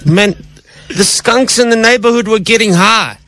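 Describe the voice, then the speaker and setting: A man's voice: sits high, moderate pace, sharp tone. A male radio host making a prank call, needling and teasing, laughing at his own jokes. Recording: noisy radio broadcast.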